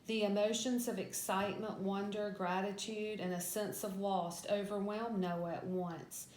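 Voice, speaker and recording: A woman with a mid-range voice reads a scripted Bible story as a Sunday school teacher. Her delivery is that of a storyteller working through a narrative. The room is clearly echoey, with faint noise behind her. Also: medium pitch, flat delivery, unhurried, darkish tone. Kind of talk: reading a scripted Bible story lesson aloud.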